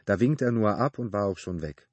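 A laid-back mechanic with a deep, husky voice, as a male narrator plays him, chatting offhandedly in loose everyday speech. It is read close and dry, like an audiobook. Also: brisk, no echo, dull audio. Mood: casual. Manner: relaxed, offhand colloquial talk.

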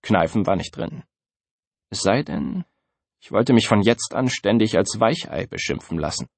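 A man narrating a first-person audiobook in a steady, measured storytelling manner. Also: fairly low pitch, creaky, slightly rough, dry recording.

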